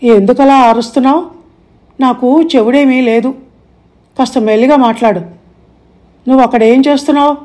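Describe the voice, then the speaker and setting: A woman's voice: high voice, moderate pace, pauses often, dark tone, natural voice. A woman voicing a confused, forgetful old man in his late seventies who talks in a vague, rambling way.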